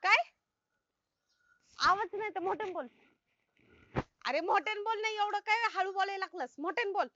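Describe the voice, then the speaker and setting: An actress playing a loud, bossy village woman who talks in a rustic, scolding way. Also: very high voice, moderate pace, long pauses, dry recording. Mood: bossy, puzzled. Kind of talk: comic web film acting. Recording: dull, dry film sound.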